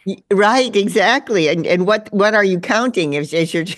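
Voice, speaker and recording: Halting woman asking questions. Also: mid-range voice, lively intonation. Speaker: interviewer. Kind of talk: casual interview questions.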